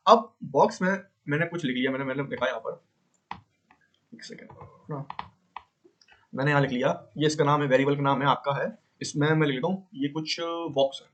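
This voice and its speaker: A man teaching a beginner coding lesson in a casual way, repeating points and asking and answering his own questions, often pausing to fix his drawing. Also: mid-range voice, steady tone. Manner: frequent pauses to fix the drawing.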